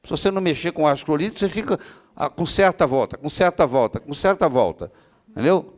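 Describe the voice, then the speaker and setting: A man's voice: on the high side, lively intonation, fast. A man giving a medical lecture to students, answering their questions with everyday analogies and often checking that they understand. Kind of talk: classroom lecture with Q&A.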